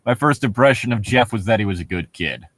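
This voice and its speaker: A man with a lowish, fairly bright voice talks fast with lively intonation in a dry recording. Co-hosting a show that reads and mocks online horror fiction, he banters casually and reads aloud with wry, sarcastic commentary, often laughing.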